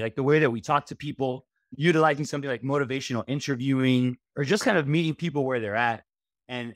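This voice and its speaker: A middle-aged registered dietitian from Miami, USA, joins a casual interview as a guest over a video call from a room at home. His medium-pitched voice sounds dry and close with no echo through his headset, and he is relaxed, rambling through lists with frequent fillers.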